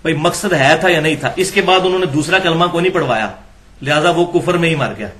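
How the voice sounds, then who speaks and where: A man's voice: a little high, a bit bright. A man delivering a religious lecture. He reads passages from books and comments sharply, asking rhetorical questions. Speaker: Islamic lecturer.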